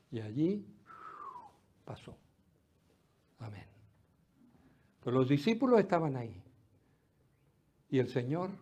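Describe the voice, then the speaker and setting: A middle-aged man preaching a sermon, swinging loud exclamations to hushed, almost whispered asides. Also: mid-range voice, breathy edge. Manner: lively preaching with sudden drops to near-whisper. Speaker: pastor.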